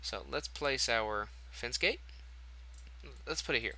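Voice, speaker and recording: Man, tutorial host, very bright tense tone, chatty, thinks aloud, self-correcting. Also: medium pitch, expressive, takes it slowly. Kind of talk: casual game tutorial narration.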